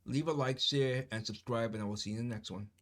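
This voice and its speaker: A man delivering a solo commentary video at a middle pitch. He talks passionately and insistently, and he keeps repeating his key phrases for emphasis. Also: fast, fairly bright tone. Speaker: political commentary vlogger. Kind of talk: casual solo commentary to camera.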